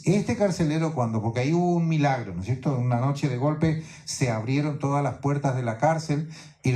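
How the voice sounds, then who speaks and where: A man's voice: mid-range voice, warm tone. A man preaching a sermon in Spanish to his congregation, teaching as he goes and often checking in with "¿no es cierto?". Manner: teaching tone, keeps asking "¿no es cierto?". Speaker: pastor. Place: church in New York.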